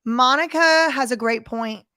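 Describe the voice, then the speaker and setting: A woman's voice: sits high, unhurried, sharp tone, smooth, dry recording, clean studio sound. A woman hosting casual commentary on footage, emphatic and fond of rhetorical questions to her viewers. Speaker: commentary host.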